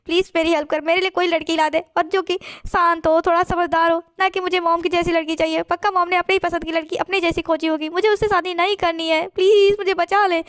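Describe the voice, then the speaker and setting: A melodramatic young boss begs and whines in a high, quick voice, as a woman acts him out. He is self-pitying and over the top, and the voice sounds close and dry. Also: steady tone, dry recording. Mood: whiny pleading. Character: young male company boss, whiny, desperate, dramatic.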